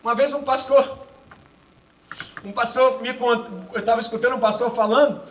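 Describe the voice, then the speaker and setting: A man pastor preaching a sermon in a cinema hall, swinging between shouted lines and quiet asides. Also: very high-pitched, fairly even intonation, normal speed, distant mic, slight background noise. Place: cinema auditorium used for a church service.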